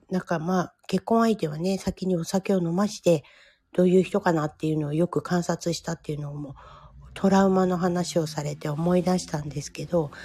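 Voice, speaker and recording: Low husky-voiced woman in her fifties. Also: dark tone. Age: 50s. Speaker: podcast host. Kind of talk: solo personal podcast talk.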